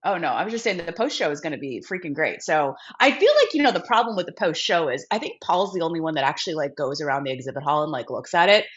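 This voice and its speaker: Woman co-host with a head cold, lively up-and-down delivery, dull lo-fi recording, gushing enthusiasm. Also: deep voice, fast talker, few pauses. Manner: excitable, gushing, says "freaking" a lot. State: has a cold. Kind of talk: casual podcast chat. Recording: dull lo-fi sound.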